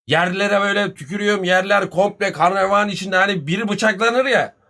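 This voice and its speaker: A man, telling a story casually on a live stream, animated and full of swearing and reported speech. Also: high voice, brisk. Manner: profane, animated retelling with much reported speech.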